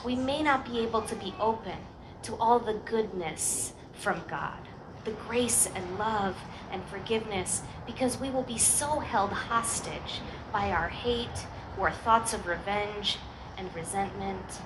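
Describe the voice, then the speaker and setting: A middle-aged American woman pastor gives an earnest, conversational sermon at an outdoor garden church service, using informal asides and rhetorical questions. She speaks into a headset microphone in a mid-range voice at a measured pace. The live outdoor recording picks up ambient noise.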